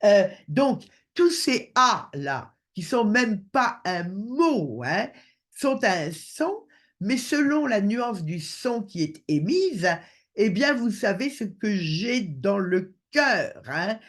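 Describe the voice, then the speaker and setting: A man's voice: high voice, sing-song, slow. A man giving an online lecture over a video call, hesitant with many filler sounds.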